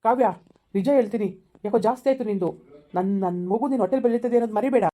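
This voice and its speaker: A jilted young man, broke and bitter, who accuses his lover in a rapid, mellow voice, played by a woman. His indignant lines come out very fast. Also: on the high side, close to an everyday voice. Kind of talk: village skit acting.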